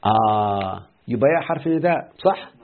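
A man's voice: lowish voice, expressive, normal speed. A man with an Egyptian accent teaching an Arabic grammar lesson and often quizzing his students. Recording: muffled phone-like lo-fi audio.

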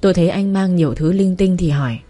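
A woman reading a first-person story in a calm, even way, over faint music. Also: lowish voice, fast talker. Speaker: narrator.

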